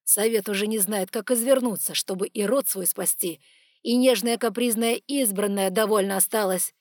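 A woman voicing a stern, controlled male dragon who speaks measured and through clenched teeth, in an audiobook. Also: medium pitch, darkish tone, dry recording, clean studio sound, close to an everyday voice. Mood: tense.

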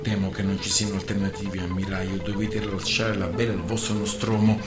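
A man voicing a commanding male buccaneer leader who rouses a crew in a booming voice. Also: level tone, a little fast, natural voice. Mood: rousing. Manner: booming, rousing. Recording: roomy with music behind.

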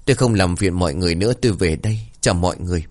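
A man's voice: low-pitched, rapid-fire, natural voice. A man voicing a distraught village wife who pleads with her neighbours in a wailing manner. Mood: worried.

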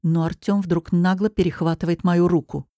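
A woman narrating a first-person audiobook with dramatic, expressive storytelling. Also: on the low side, normal speed, no room sound, clean studio sound.

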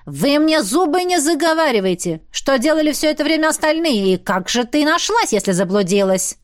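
A woman's voice: fairly high pitch, lively intonation, moderate pace, natural voice. Grumpy accusing old guy, talks like a prosecutor, woman doing the voice. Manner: accusing, official tone. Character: stern older man, a suspicious host interrogating guests.

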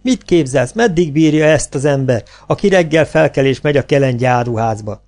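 A man's voice: medium pitch, expressive, darkish tone, soft background music, natural voice. A man voicing a worldly cabaret actress who lectures her friend in a weary, reproachful way. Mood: lecturing.

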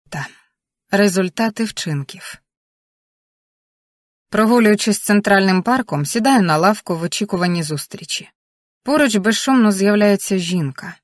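An audiobook reader narrating in the first person with soft, steady, emotional storytelling. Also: mid-range voice, no room sound, studio quality.

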